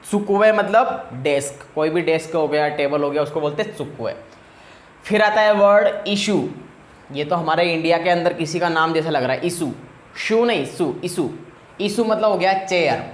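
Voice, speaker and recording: High-voiced man teaching in an echoey room. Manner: explains slowly, repeats each word. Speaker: Japanese language teacher. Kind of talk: classroom lecture.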